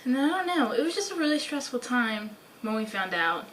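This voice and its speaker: A woman's voice: fairly high pitch, very animated, fairly quick, fairly bright tone, slight background noise, low-quality recording. A young woman chatting casually in a vlog, full of "like" fillers, talking at home. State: out of breath at the start. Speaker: vlogger. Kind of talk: casual pregnancy update vlog. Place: home, living in England.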